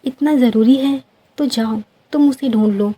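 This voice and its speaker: A woman's voice: a little high, unhurried, dark tone, husky. A woman voicing a lazy young man in his twenties who grumbles and answers sarcastically, in a cartoon story. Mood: grumbling. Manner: whiny and sarcastic.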